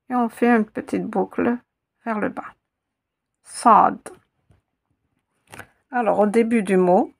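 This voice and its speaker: A woman teaching an Arabic letter in a slow, step-by-step lesson, patiently repeating sounds for her students. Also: mid-range voice, gravelly.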